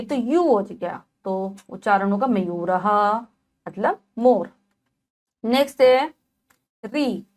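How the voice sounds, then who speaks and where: A woman teaching a children's lesson, slowly spelling out letters one by one and checking in often with "okay". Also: on the high side. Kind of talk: textbook lesson explaining Sanskrit vowel signs to children.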